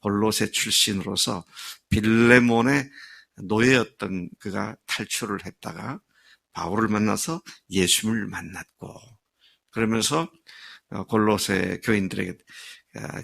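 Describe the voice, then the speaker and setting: A middle-aged man preaches with earnest emphasis, stretching key phrases and pausing on small fillers. His voice sits low and gravelly. It carries a husky grain and a sharp, bright edge. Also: steady tone. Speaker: pastor. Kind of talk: sermon.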